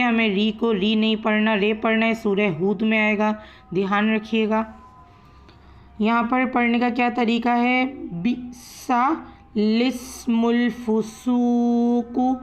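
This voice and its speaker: A woman teaching Quran recitation rules, slowly spelling out letters and vowel marks before reading each word. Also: a little high. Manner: slow, drawn-out letter-by-letter recitation. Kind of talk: patient step-by-step lesson, spelling out letters.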